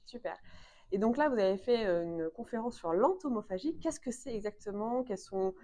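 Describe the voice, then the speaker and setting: A woman interviewer asking short, brisk questions and thanking her guest. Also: medium pitch, expressive, warm tone.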